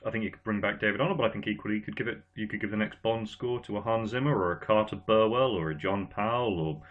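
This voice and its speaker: A half-Irish, half-English man from Ireland and England hosts a casual podcast panel chat, his lowish voice coming through quickly and with phone-quality sound. He talks animatedly, with an English accent and an Irish lilt.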